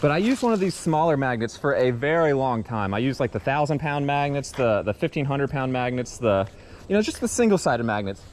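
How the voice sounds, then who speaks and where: A man vlogging from a bridge over a swamp on a head-mounted camera, chatting excitedly with viewers he calls y'all. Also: mid-range voice, fairly quick. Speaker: magnet fishing vlogger. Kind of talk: casual outdoor vlog commentary. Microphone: head-mounted action camera. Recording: faint outdoor noise.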